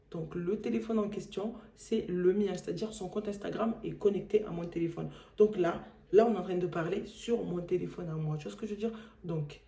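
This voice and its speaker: A man's voice: high voice, gravelly, warm tone, reverberant. A woman acting out her angry, protective husband threatening a caller on the phone, in an insistent, menacing way.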